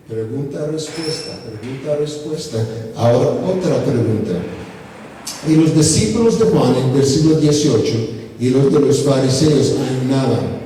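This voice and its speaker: A man preaching a sermon as pastor, teaching slowly and deliberately with rhetorical questions. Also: fairly high pitch, warm tone, a little hiss or hum. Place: church hall. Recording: echoey hall from far off, faint ambience.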